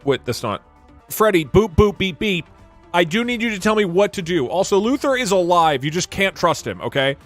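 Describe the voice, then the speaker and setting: Man streamer, joking deadpan, higher voice, quiet music behind. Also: brisk. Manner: playful, deadpan joking, laughs often. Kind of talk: casual gameplay commentary.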